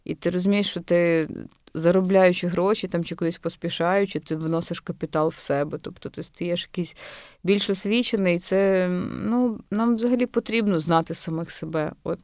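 A woman's voice: lowish voice, fairly even intonation, normal speed, a little mellow, dry recording, clean studio sound. A woman guest on a podcast, talking frankly and chattily, wandering from point to point. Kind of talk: casual conversation.

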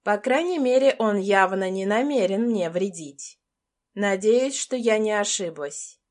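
A woman's voice: mid-range voice, lively intonation, measured pace, a little mellow. A young adult woman reading a first-person romance audiobook as an anxious, tense inner monologue. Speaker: audiobook narrator.

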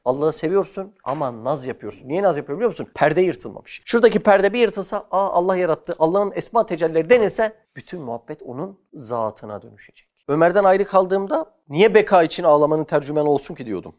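A man giving a lively religious lesson, asking questions and answering them himself. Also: fairly high pitch, fast, few pauses. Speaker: religious teacher.

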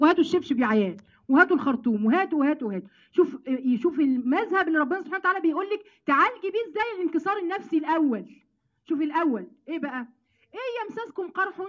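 Egyptian woman, high voice, very fast religious lesson, dull lo-fi sound. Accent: Egyptian Arabic. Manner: animated, addresses listeners as sisters. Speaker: Quran teacher.

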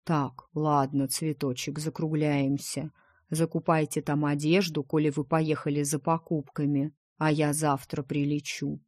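A woman reading the part of a gruff, protective male dragon in an audiobook, talking bluntly and teasingly. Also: deep voice, flat delivery, unhurried, a little mellow, dry recording, clean studio sound.

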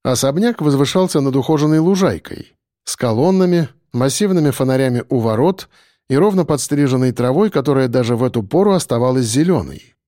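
A man narrating an audiobook in a steady storytelling manner. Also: mid-range voice, brisk, no echo, studio quality. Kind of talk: scripted narration.

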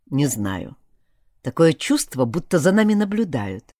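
A woman's voice: deep voice, sing-song, measured pace, mellow, no echo, studio quality, voice pushed down. Woman voicing a sardonic young necromancer. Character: young man, wary necromancer, sharp-tongued.

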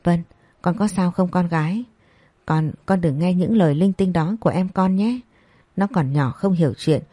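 A woman's voice: lowish voice, moderate pace, dark tone, husky, dry recording. A woman voicing an angry, scolding middle-aged mother in a storybook reading. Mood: pleading. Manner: harsh scolding.

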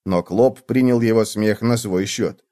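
A man narrating a children's storybook in a lively, expressive reading style. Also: fairly low pitch, measured pace.

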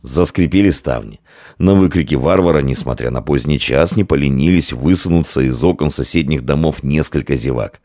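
A man narrating a story in an expressive audiobook reading on a close mic. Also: very deep voice, normal speed, no echo.

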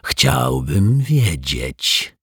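A man voicing a sly, menacing male stage magician with a raspy voice, in a storybook reading. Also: extremely low pitch, big pitch swings, fairly bright tone, dry recording, clean studio sound, voice pushed down, exaggerated voice. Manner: slow, mocking, teasing menace.

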